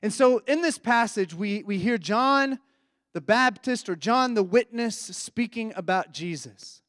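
A man's voice: high voice, expressive, a little slow, a bit bright, no room sound, clean studio sound. A man preaching a reflective, conversational sermon.

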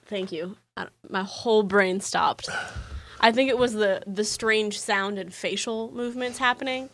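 A woman's voice: medium pitch, unhurried, fairly bright tone. A woman cohosting a podcast, making dry, teasing remarks in casual banter. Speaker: podcast co-host.

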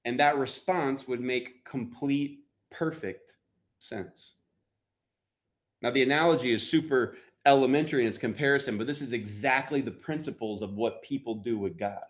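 An American man preaching a sermon in a booming motivational style, emphatic and conversational, with dramatic pauses.

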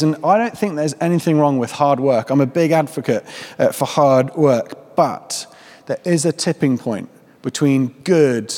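A vicar giving a casual, joking sermon full of fillers and restarts. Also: male voice, mid-range voice, darkish tone, in a large hall. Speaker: Church of England vicar.

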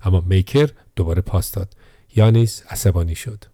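Low, dark-voiced man narrating a story. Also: no echo, studio quality. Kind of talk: scripted narration of a sports biography.

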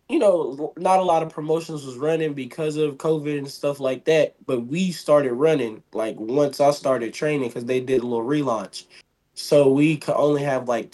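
This young Mississippi man, a pro wrestler in his 20s, is interviewed casually as a guest. He talks in a rambling way full of fillers and restarts, his light, mid-range voice carrying a darkish tone.

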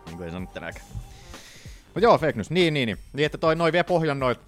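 A man co-hosting a podcast in casual chat, animated and swearing freely as he tells stories with acted-out voices. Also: on the high side, soft background music. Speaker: podcast co-host.

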